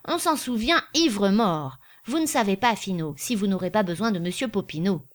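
A woman voicing a boisterous male traveling salesman, speaking in a loud, declamatory way. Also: medium pitch, animated, normal speed, close to an everyday voice. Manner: bombastic, declamatory.

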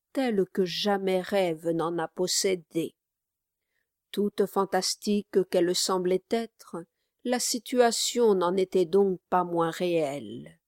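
Slow, measured woman reading a novel. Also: mid-range voice, darkish tone, dry recording, studio quality. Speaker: audiobook reader. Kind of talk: scripted literary narration.

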